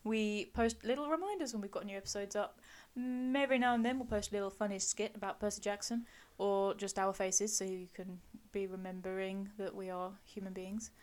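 A woman's voice: mid-range voice, steady tone, fairly quick, hardly any pauses. A woman, co-hosting a podcast in eager, gushing casual chat. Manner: enthusiastic, gushing. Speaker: podcast co-host.

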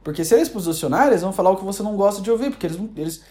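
Brief: Brazilian woman, casual sarcastic commentary, rambling restarts, warm dark tone. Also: mid-range voice, expressive, racing. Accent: Brazilian Portuguese. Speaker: online commentator. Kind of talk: casual opinion rant.

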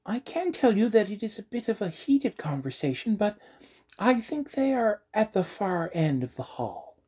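A man voicing a quick-eared halfling woman scout, speaking in a hushed, careful way. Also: high-pitched, sing-song, husky, voice pushed up, heavily acted.

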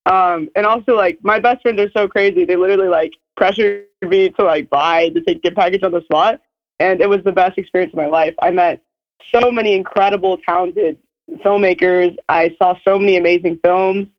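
A bubbly young woman in her early twenties talks in quick, chatty bursts, filling her sentences with "like." Her voice is a little hoarse. The audio sounds dull and lo-fi. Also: lowish voice, steady tone. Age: early 20s. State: slightly hoarse from losing her voice. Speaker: guest filmmaker. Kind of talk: casual interview chat.

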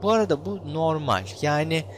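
A man's voice: on the high side, moderate pace, a little hiss or hum. A man speaking as a guided meditation instructor, explaining self-help ideas conversationally and addressing the listener directly with instructions. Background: background music.

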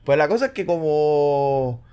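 A man with a Puerto Rican accent in a casual, animated chat, acting out quotes in quick overlapping banter. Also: fairly high pitch, smooth. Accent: Puerto Rican Spanish.

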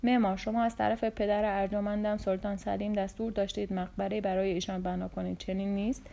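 Cold young sultan, imperious and measured, mellow low tone, as a woman narrator puts him on. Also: little pitch movement, creaky, natural voice. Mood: stern.

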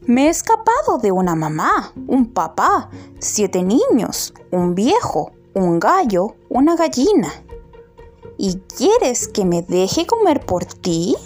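A feisty runaway pancake, voiced by a woman reading a storybook, yelps her refusals high and bright. Her voice leaps around as she rattles off everyone who has tried to eat her. A little music plays faintly behind. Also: huge pitch swings, slow pace, exaggerated voice. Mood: indignant. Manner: high-pitched exclamations, insistent listing.

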